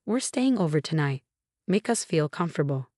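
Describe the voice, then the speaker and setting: A woman voicing a bossy, critical older mother-in-law who orders others around, in a steady, low-set storybook reading with a dry, close sound. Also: moderate pace, dry recording. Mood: pushy. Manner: demanding and scolding.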